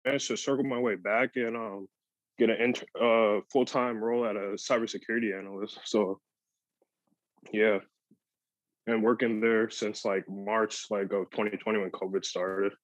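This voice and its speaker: A young man speaking as a podcast guest in casual chat, relaxed and full of "like" and "um". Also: lowish voice, moderate pace, no room sound. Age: young adult. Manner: relaxed, lots of "like" and "um". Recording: dull lo-fi dry sound.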